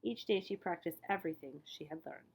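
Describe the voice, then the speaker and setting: A librarian reads a children's story aloud in a lowish, slightly rough voice at a fast pace. She emphasizes words expressively, and her phrases often drop to a hush.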